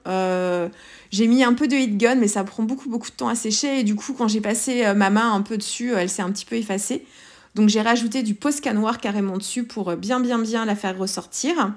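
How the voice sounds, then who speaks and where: A woman with a French accent talks through her art journaling page in a casual tutorial voice-over, hesitant and full of fillers and restarts. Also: fairly high pitch.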